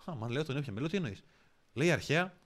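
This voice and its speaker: A young man talking as a podcast guest at a middling pitch. He tells stories with animated, slangy energy and keeps it casual. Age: young adult. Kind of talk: casual storytelling chat.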